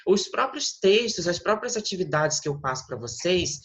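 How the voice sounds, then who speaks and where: A patient teacher talks a student through a lesson at a mid-range pitch. The teacher keeps checking understanding with quick tag questions and slows down to model English words. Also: sing-song, highs cut off. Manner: patient, explanatory, checks with "né?" and "tá vendo?".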